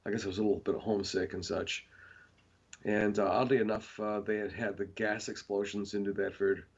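A man's voice: on the low side, little pitch movement, brisk, creaky, slightly rough, highs cut off. A man, a painter being interviewed, talking in a rambling casual way with many fillers and restarts.

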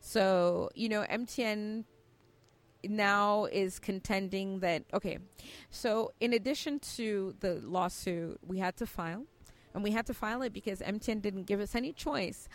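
A middle-aged woman from Cameroon talks through a hard business experience in an interview. Her voice sits at a medium pitch. She speaks earnestly, stumbling and restarting often. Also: unhurried. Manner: earnest, many restarts and fillers. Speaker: company founder. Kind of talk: interview answer.

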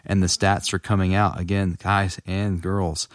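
A man's voice: low-pitched, level tone, a little slow, dry recording, clean studio sound. A man with a West Texas accent hosting a casual interview, feeling his way through questions as he rephrases them.

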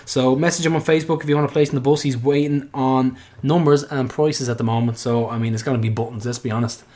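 A man's voice: medium pitch, steady tone, fast talker, mellow. An Irish man hosting a football fan podcast in a casual, chatty, joking and colloquial way. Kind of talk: casual chat.

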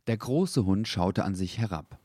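Male storybook narrator: calm, low, dry close recording. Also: measured pace, breathy edge, no room sound. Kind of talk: children's audiobook narration.

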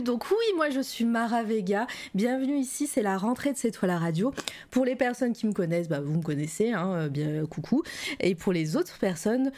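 A woman hosting a live stream in a relaxed, chatty way, with frequent hesitations between her words. Her voice sits at a middle pitch, and a slight frog in her throat sometimes breaks into a cough. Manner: chatty, loose, filled with hesitations. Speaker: livestream show host. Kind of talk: casual livestream chat, greeting viewers.

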